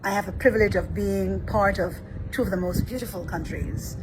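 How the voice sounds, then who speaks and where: A woman from Barbados, an Episcopal priest giving a measured, scripted reflection. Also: medium pitch, very noisy.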